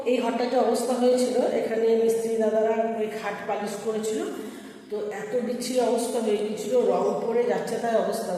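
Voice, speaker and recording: A woman's voice: dark tone, recorded from a distance. A woman chatting casually to her viewers in a home vlog, her voice ringing with strong echo in a half-empty room of a new house. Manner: chatty, talks straight to viewers. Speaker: home vlogger. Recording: booming room echo, voice from off mic.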